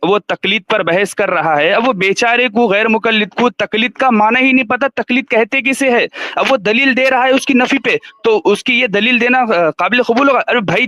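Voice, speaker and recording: Insistent high-voiced man in debate. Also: bright, forceful tone, no room sound. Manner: insistent, repeatedly demands to be heard. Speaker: debate guest on a livestream. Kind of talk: heated religious debate.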